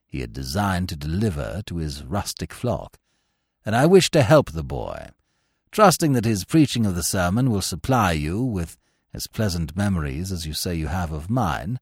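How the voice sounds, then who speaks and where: A man voicing an elderly country clergyman, reading out his letter in a slow and stately way. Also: deep voice, very animated, husky, no echo, clean studio sound, pitched below the performer's own voice, heavily acted.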